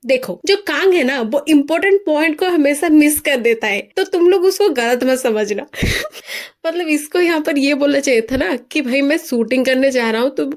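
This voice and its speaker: A woman with a high voice narrating a comic story recap casually. Chatty and animated, she drops in asides about the characters. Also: moderate pace.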